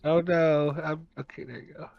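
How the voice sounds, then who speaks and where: A man's voice: a little high, little pitch movement, normal speed, gravelly, dull audio. A man playing a tabletop game, chatting casually and thinking aloud. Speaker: player.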